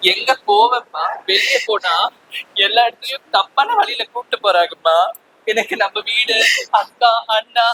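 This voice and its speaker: A man's voice: sits high, sharp tone, slight background noise, low-quality recording. An actor playing a young transgender woman who pleads with her parents and confronts her siblings, close to tears. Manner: pleading, anguished, sometimes crying. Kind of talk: family drama acting.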